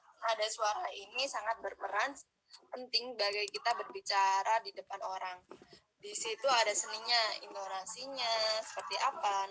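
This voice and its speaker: A woman's voice: medium pitch, pushed and bright, slight background noise, low-quality recording. A young woman giving a casual public speaking workshop, chatty with many fillers as she coaches breathing drills. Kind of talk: casual online workshop talk.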